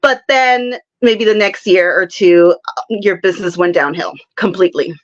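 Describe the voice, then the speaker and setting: A woman's voice: mid-range voice, normal speed. Woman guest, easygoing talker, laughs often, muffled lo-fi recording. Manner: chatty, laughs often, explains with examples. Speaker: psychic guest. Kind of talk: casual interview chat.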